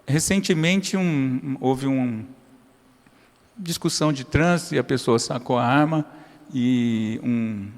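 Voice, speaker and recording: A man preaching a sermon as pastor. He swings between loud, high emphasis and low, quiet asides, and acts out short prayers in a familiar tone. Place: church hall. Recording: long hall reverb.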